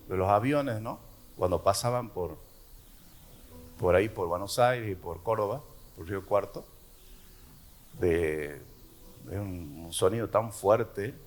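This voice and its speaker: A man from Argentina with an Argentine Spanish accent, preaching a sermon at an unhurried pace with fillers and repeated words. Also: lowish voice. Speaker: pastor.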